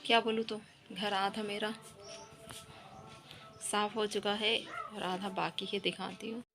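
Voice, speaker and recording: A woman's voice: medium pitch, level tone, measured pace. A woman talking casually to her viewers in a home vlog, chatty and pleading for likes. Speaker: vlogger.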